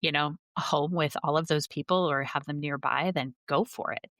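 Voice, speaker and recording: A woman's voice: deep voice, fairly even intonation, normal speed, fairly bright tone, no room sound, studio quality. A woman school librarian talking earnestly in a casual conversation, with many fillers and restarts. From United States.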